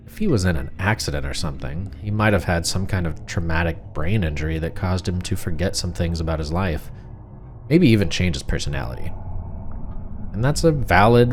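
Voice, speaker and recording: Deep-voiced man as a frightened wife, horror story. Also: darkish tone. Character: frightened, suspicious wife confiding a dark secret. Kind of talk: first-person horror story narration. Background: music.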